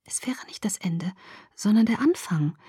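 A woman voicing a stubborn, earnest young woman in love, speaking quietly and earnestly. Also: medium pitch, lively intonation, moderate pace, husky, no echo, studio quality. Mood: soft.

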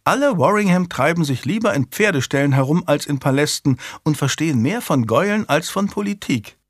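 A man's voice: on the high side, expressive, a little fast, dry recording, pitched above the performer's own voice. A man voicing a curious, precocious five-year-old noble girl in an audiobook, with a dry close sound. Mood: eager. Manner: prim and precocious.

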